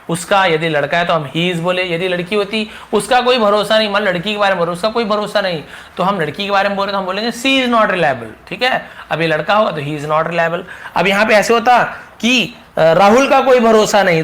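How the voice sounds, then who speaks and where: A man giving a spoken English lesson, explaining patiently, repeating each example and saying the English sentences slowly and deliberately. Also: sits high, a bit bright. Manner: chatty, addresses learners directly. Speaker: English teacher.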